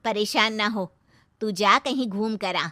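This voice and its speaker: A woman's voice: medium pitch, a little slow, dry recording. A woman voicing a caring mother in a cartoon who scolds yet comforts her son affectionately. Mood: motherly. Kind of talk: cartoon voice acting. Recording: loud background noise.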